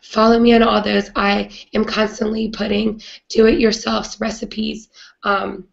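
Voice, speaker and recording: A woman with a raspy, hoarse voice from a cold, hosting a live video chat in an earnest way with many "um" fillers. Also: mid-range voice, flat delivery, a little slow, dull audio. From not British. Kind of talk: casual live-stream talk.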